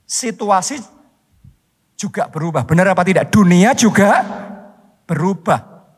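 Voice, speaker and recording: Indonesian guy preaching, loud then soft drawn-out words, long hall reverb. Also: high-pitched, lively intonation, slightly rough. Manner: emphatic, swings between loud stress and soft drawn-out words. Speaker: pastor. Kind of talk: sermon. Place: church hall.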